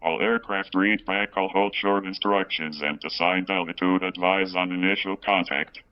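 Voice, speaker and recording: A man reading a recorded airport weather broadcast in steady, clipped aviation phraseology, heard as a playback. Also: deep voice, normal speed, clear, resonant tone, lo-fi sound. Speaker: airport information broadcast reader.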